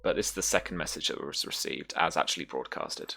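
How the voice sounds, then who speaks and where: This game master's voice rumbles low, creaky yet bright and forceful, as he narrates a sci-fi tabletop RPG. He delivers it in brief, hesitant bursts with pauses placed on purpose.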